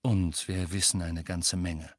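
A man voicing a bitter, brooding grown man who speaks quietly and low, in an audiobook. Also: level tone, unhurried, no room sound, clean studio sound. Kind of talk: audiobook character voice.

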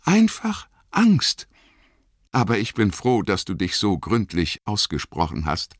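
A man's voice: fairly low pitch, huge pitch swings, a little slow, no echo, studio quality, voice pushed up, heavily acted. Frodo, a man voicing a frightened hobbit. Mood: fearful. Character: small frightened but stubborn hobbit.

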